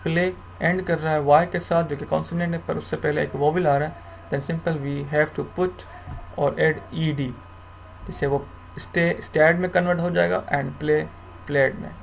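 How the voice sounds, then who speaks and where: A man's voice: on the high side, level tone, unhurried, creaky, slight background noise. A man giving a grammar lecture, explaining rules step by step in a mix of Hindi and English, often repeating himself and restarting. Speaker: teacher.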